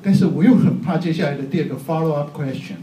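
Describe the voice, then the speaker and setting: A man's voice: on the high side, fast talker, dark tone, distant mic. A middle-aged man from Taiwan, preaching a sermon in a chatty, self-mocking way and laughing often. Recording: echoey hall, faint background noise.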